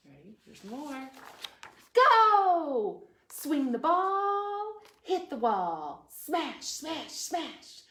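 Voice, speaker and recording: A children's librarian hosts a preschool storytime, reading a picture book aloud in a sing-song way and asking the young listeners questions. Her voice is a little high and a bit bright, and the indoor sound is roomy and echoey.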